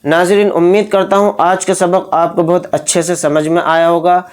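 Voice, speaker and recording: A man's voice: high voice, flat delivery, normal speed. A man teaching Quran recitation, patiently explaining each letter and drawing out the sounds as he demonstrates. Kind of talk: slow, methodical recitation lesson.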